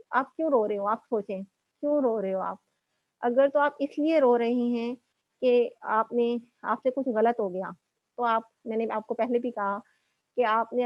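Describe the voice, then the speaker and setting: A woman's voice: on the high side, dry recording, highs cut off. A woman motivational speaker lecturing young women in a conversational way, often checking in with "okay" and mixing in English words. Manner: conversational, repeats "ٹھیک ہے" and mixes in English words.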